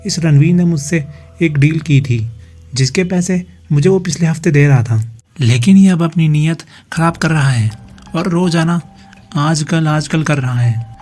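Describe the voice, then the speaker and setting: A man's voice: a little high, a little slow, a little mellow, faint music behind. A man doing a nervous, grumbling husband. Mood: anxious. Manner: complaining, nervous. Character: anxious, money-hungry young husband.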